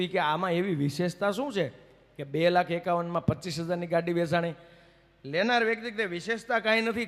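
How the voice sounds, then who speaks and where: High, bright-voiced storyteller on stage. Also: male voice. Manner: lively, swings from hushed asides to loud, stretched declamation. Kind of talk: live folk storytelling with jokes. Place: stage at a live temple event. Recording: echoey hall with instruments behind.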